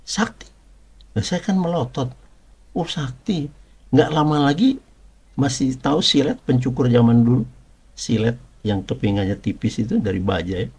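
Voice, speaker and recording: A man's voice: mid-range voice, moderate pace, a little mellow, breathy edge. A middle-aged man preaching and telling a personal testimony, in a conversational style full of rhetorical questions and emphatic repetition.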